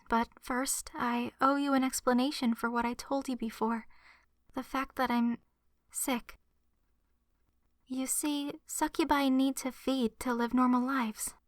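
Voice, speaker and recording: A woman acts the part of a gentle young adult succubus, the listener's shy, lovestruck best friend, in an ASMR roleplay spoken directly to the listener. Her high voice is soft, earnest, hesitant, and confiding. It's recorded close to the mic in a dry space at studio quality, with no room sound.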